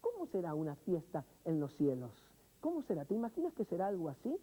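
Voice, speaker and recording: A man's voice: high-pitched, huge pitch swings, a little fast, warm tone, low-quality recording. A male pastor preaching a sermon, speaking expressively, asking the listener questions and telling everyday stories. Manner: storytelling with everyday examples.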